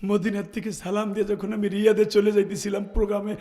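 A man preaching an emotional Islamic sermon, swinging between shouted peaks and low, pained murmurs, his voice strained. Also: flat delivery, fast talker, in a large hall. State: chest aching, strained. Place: large religious gathering.

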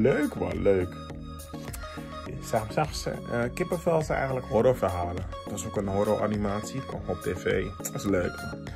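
A young man from the Netherlands casually reviewing books in a vlog, chatty and quick to laugh, dropping in English phrases. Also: fairly low pitch. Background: faint background music.

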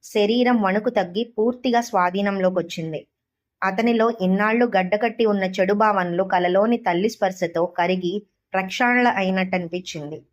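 A woman reading a short story aloud as an audiobook narrator, in a calm, measured way. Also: mid-range voice.

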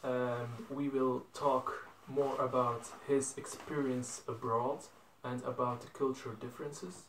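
A man's voice: medium pitch, flat delivery, measured pace, a little hiss or hum. A young man hosting a casual interview, asking simple questions with many hesitations and fillers. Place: living room indoors. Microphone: phone camera across a table. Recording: roomy, from a distance.

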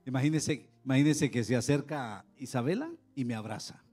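A pastor preaching a sermon in a church hall, animated, with sudden loud peaks and drops. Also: male voice, mid-range voice, brisk, husky, soft background music.

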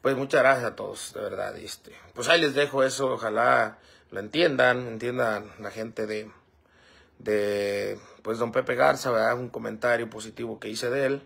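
Gravelly husky man chatting. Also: mid-range voice, fairly even intonation, normal speed, a bit bright. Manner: rambling, fillers like "este" and "¿verdad?". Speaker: livestream host reading comments. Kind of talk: casual livestream chat.

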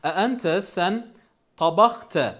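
A man's voice: high voice, lively intonation, very slow, fairly bright tone. A man teaching a language lesson, patiently repeating each phrase and asking questions.

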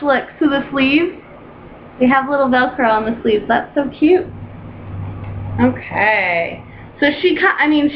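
A young woman's slightly high voice talks slowly and unhurriedly through a casual home vlog, gushing with excitement and stopping often for ums and fresh starts. The recording is dull and lo-fi, with a faint hiss behind her. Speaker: doll collector vlogger.

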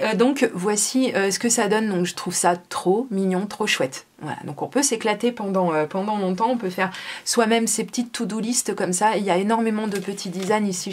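A woman's voice: mid-range voice, a little mellow, a little hiss or hum. A woman hosting a casual crafting video, explaining a small printer app step by step in a chatty way, with many fillers. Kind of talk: casual product demo.

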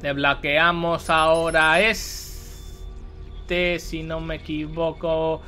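Excitable young gamer, swearing a lot. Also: male voice, a little high, drawn-out words, faint music behind. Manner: excitable, swearing, repeats himself. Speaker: gaming youtuber. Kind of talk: let's play commentary.

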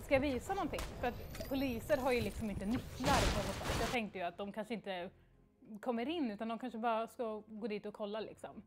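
A young woman on a livestream telling a story in a casual, animated way and acting out the quoted dialogue, with lots of fillers. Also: fairly high pitch. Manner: frequent fillers like "liksom" and "jag bara".

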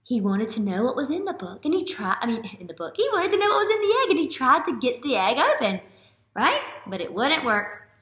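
During a read-aloud, an American early elementary teacher in her thirties speaks to young children in a high-pitched, sing-song, slightly bright voice at a fairly quick pace. She is expressive and asks frequent questions, recorded indoors in a classroom with roomy echo.

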